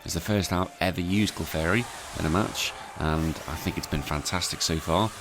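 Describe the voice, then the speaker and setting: Very deep, subdued British man talking quietly at night. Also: normal speed, noisy background. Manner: subdued, hushed voice kept down at night. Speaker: gaming content creator. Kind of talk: casual game battle commentary. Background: clear background music.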